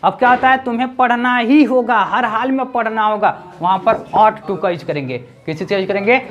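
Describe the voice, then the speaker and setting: A woman teaching English grammar in Hindi. She keeps asking rhetorical questions, repeats the key words and reads the English sentences slowly. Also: fairly high pitch, highs cut off. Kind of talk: explanatory classroom lesson.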